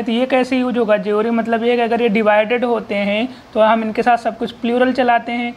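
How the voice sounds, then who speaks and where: A man's voice: high voice, slight background noise. A man teaching an English grammar lesson, explaining patiently and checking in often.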